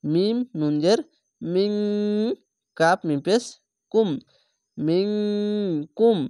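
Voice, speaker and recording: A man's voice: high-pitched, slow, darkish tone, no echo, studio quality. A man teaching Quran reading, spelling each syllable aloud and then reading the word whole, repeating it patiently. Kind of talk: spelling-out recitation lesson.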